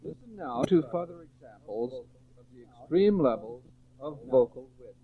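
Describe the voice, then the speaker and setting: A man giving measured, scripted narration on an old training tape, his voice wobbling with the warble of wow and flutter. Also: mid-range voice, big pitch swings. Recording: thin, phone-like old tape transfer.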